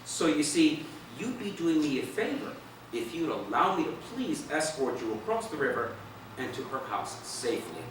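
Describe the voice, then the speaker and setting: A man voicing a charming, confident young gentleman who speaks in a smooth, courteous, persuasive way. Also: on the high side, sing-song, normal speed, background noise. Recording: echoey room from far off.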